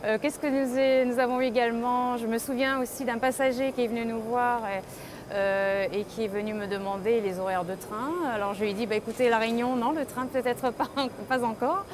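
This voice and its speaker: A woman's voice: on the high side, fairly even intonation, brisk. A woman working at an information desk, telling anecdotes casually in an interview. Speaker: airport information desk hostess. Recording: noisy public hall ambience.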